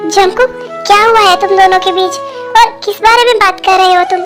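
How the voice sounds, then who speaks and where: Fan-dub woman as a fussy older sister-in-law: very high, flat delivery, faint music. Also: fairly quick. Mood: questioning. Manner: fussing, questioning. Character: caring sister-in-law, scolding and protective.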